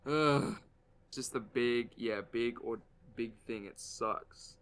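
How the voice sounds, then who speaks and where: A man's voice: mid-range voice, slow pace, crowd noise. An Australian man co-hosting a casual chat while drawing, with dry, jokey asides. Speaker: co-host.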